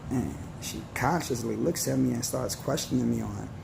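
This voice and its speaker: A man's voice: mid-range voice, creaky, background noise. A man in his forties giving an earnest, slangy motivational talk to his viewers. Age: 40s. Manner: earnest, preachy, slangy and slow. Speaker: vlogger.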